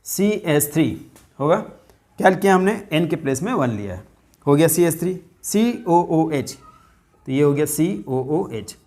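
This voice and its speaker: A man teaching a chemistry lesson, asking his students questions and slowly repeating key terms. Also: a little high, animated, a little mellow.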